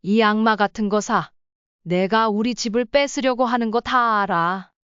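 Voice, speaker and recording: A woman's voice: a little high, moderate pace, clean tone, no room sound, lightly acted. Woman narrator doing an elderly, suspicious wife in a storybook read; dull lo-fi sound. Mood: accusing. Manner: shouting, accusing. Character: confused elderly wife shouting accusations.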